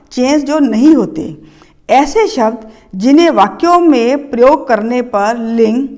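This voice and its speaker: A woman teacher works through a grammar lesson slowly, pausing over each example. Her voice sits high, and she drops English terms into the explanation. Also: a little mellow. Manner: slow, patient, explaining step by step with examples; mixes English words into Hindi. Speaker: Hindi teacher.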